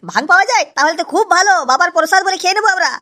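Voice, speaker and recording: Voiced high and fast, a cheeky young cartoon lad gets excited talking to his viewers in a mock-vlog comedy bit. He chatters on, repeating himself as he addresses the audience.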